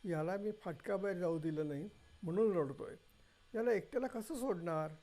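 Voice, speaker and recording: A man's voice: high-pitched, normal speed, warm tone. A man voicing a humble, earnest teenage boy who works as a security guard.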